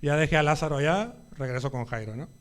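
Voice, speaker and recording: Emotional preacher, man, higher voice. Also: lively intonation, fast. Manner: conversational, asks the congregation "¿no?" often; emotional, rises in volume at emphatic points. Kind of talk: sermon.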